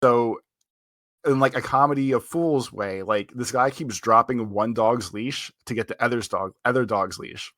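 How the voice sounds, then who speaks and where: A man's voice: medium pitch, moderate pace, fairly bright tone, dry recording. A man co-hosting a podcast, telling a long story in casual chat, full of "like" fillers and rambling. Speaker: podcast co-host.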